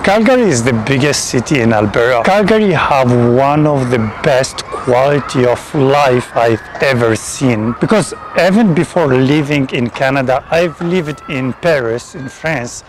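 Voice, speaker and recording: A Tunisian man in his thirties, an immigration vlogger, gives a conversational explainer to camera in a city park, speaking English with small grammar slips. His mid-range voice is animated but a little slow, with few pauses. He is recorded on a lapel mic outdoors, with a noisy background.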